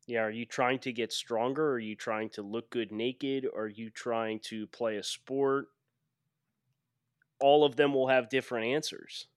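A man co-hosting a casual sports podcast, laying things out point by point. His voice is smooth and clear at a middle pitch. It is recorded dry and close. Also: fairly even intonation, measured pace, dry recording. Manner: explains in ticked-off lists. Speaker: podcast co-host.

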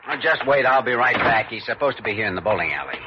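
A man's voice: medium pitch, very animated, fast talker, lightly acted. An actor playing an earnest, determined young male doctor in classic radio drama, insistent and direct. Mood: urgent, firm. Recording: noisy, dull vintage radio recording.

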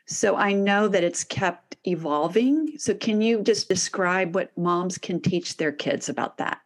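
A woman's voice: on the low side, animated, measured pace. A mother hosting a podcast, asking her guest questions in a conversational way. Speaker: podcast host. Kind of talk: podcast interview.

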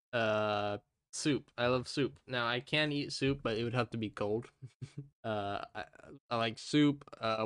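A man hosting a casual gaming podcast, talking in a rambling, halting way with his speech muffled by gauze in his mouth. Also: mid-range voice, smooth, no echo, clean studio sound. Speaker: podcast host.

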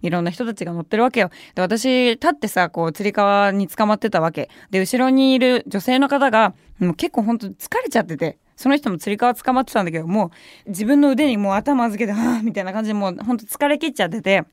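A young adult woman hosts a radio show from a studio microphone with no echo, her mid-range voice expressive and quick. She tells a story in casual, chatty radio talk, dropping wry asides along the way.

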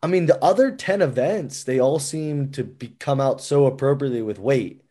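A man's voice: mid-range voice, normal speed. Chatty American man hosting a podcast. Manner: animated, rambling with fillers. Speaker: podcast host. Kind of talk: casual chat.

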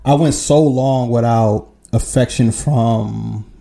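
A man's voice: medium pitch, fairly even intonation, takes it slowly, gravelly, dark tone. A man in his forties talking candidly in a casual podcast chat, swearing freely and laughing easily. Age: 40s. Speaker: podcast guest.

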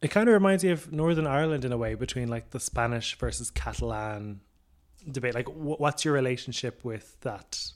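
A man's voice: mid-range voice, a little fast. A man hosting a documentary interview podcast, asking questions with frequent restarts and hesitations. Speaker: podcast host.

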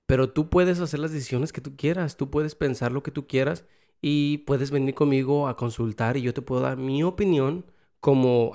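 A man's voice: medium pitch, dark tone. A man with a Mexican Spanish accent, a father talking in a loose, rambling way in casual conversation, full of slang and switching into English.

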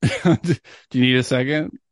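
Young guy gushing about a song on a podcast, dry close sound, mid pitch. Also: measured pace, no echo. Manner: enthusiastic, storytelling, swears casually. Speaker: podcast co-host. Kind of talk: casual chat.

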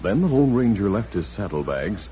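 A deep-voiced man narrates an old-time radio serial in a dramatic, deliberate style. His pitch moves expressively, and the recording is dull and lo-fi. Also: sing-song. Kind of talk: 1940s radio scripted narration.

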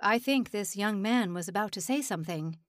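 A woman voicing a gentle, hesitant middle-aged male missionary in an audiobook. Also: medium pitch, moderate pace, dry recording, studio quality, natural voice. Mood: calm. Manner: tentative, calm.

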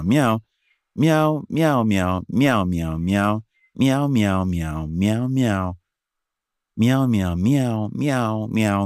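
A man's voice: on the low side, no room sound, clean studio sound. A man repeating cat-like meows in sing-song phrases that rise and fall and fade at the end of each run. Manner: sing-song rising and falling phrases that trail off softly at the end. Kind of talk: repetitive meowing chant.

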